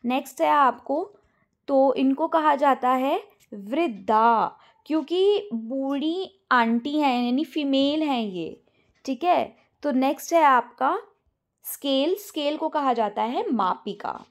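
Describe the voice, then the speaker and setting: A woman teacher explaining a lesson step by step, dropping in English words and drawing out the answer words slowly. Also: high voice, lively intonation. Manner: stretches out words slowly when reading answers. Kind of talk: online class lesson.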